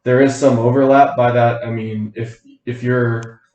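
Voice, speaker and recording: Young male co-host, measured and careful in argument, middle pitch, echoey room. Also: little pitch movement, a little mellow, lo-fi sound. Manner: measured, arguing a point carefully. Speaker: podcast co-host. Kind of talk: casual chat. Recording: roomy echo.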